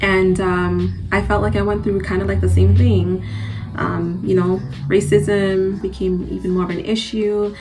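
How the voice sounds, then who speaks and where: A young woman from Antigua, born in Guyana, chatting casually to her channel in a relaxed, rambling way. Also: medium pitch, unhurried, music in the background. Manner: chatty, relaxed, loose with fillers. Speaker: channel host. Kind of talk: casual personal vlog.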